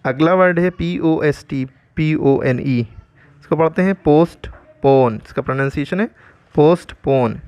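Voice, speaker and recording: A man's voice: on the high side, a little mellow, clean tone. A man teaching English vocabulary in Hindi, spelling each word letter by letter and repeating its pronunciation and meaning. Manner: spells words letter by letter slowly, repeats each word, often asks "ठीक है?". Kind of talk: vocabulary lesson, spelling out words.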